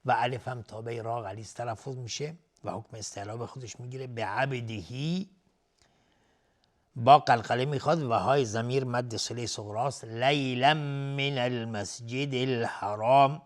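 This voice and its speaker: A man teaching Quranic recitation rules on a TV lesson. He chants verses slowly and drawn out, then explains each rule in quick, plain talk. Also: mid-range voice. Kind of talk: tajweed lesson with slow recitation. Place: TV studio.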